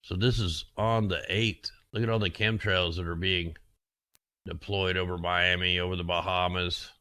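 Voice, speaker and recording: The deep voice here is delivered flatly at normal speed, bright and forceful, with no room sound. As host of a casual screen share, this man rambles conspiratorially over weather maps, and his voice is getting worn as he loses it.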